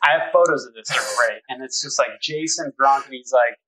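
A man's voice: medium pitch, fairly quick, sharp tone, a little hiss or hum, low-quality recording. A middle-aged man, a guest architect, telling casual stories with many restarts and fillers. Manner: rambling, full of restarts and "like". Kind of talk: casual storytelling conversation.

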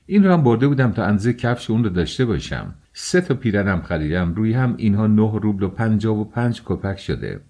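A man's voice: on the low side, big pitch swings, hardly any pauses, dark tone. A man reading the lines of an eager, talkative young friend who fusses over a sick companion in an audiobook. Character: cheerful fussing young male friend.

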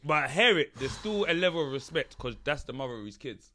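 Bright-voiced London roadman with lively pitch. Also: quick pace. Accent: London, urban street. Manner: repeats phrases, interjecting. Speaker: podcast host. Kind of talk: casual banter with street slang.

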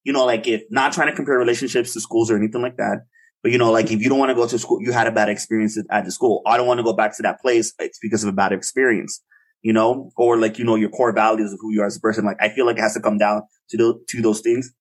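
A man's voice: lowish voice, fairly even intonation, quick pace. A young man co-hosting a casual podcast chat, talking in a hesitant, rambling way with many fillers and restarts. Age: young adult. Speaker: podcast co-host.

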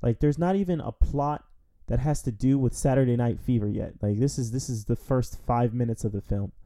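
A man's voice: mid-range voice, fairly quick, warm tone. A man hosting a film review podcast, recapping a plot in a rambling, wry, casual way. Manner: rambling, wry, with frequent fillers.

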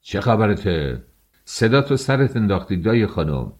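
A stern older father snaps out orders, loud and harsh, as a male narrator puts him on. The commands come slow and heavy. He is a domineering figure in an audiobook reading. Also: fairly low pitch, very animated. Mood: angry commanding.

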